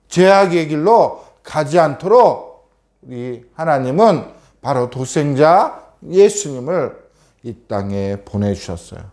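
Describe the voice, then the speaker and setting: A man's voice: on the high side, a little mellow. A man giving a children's sermon, telling a story and constantly asking the children questions. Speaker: children's preacher.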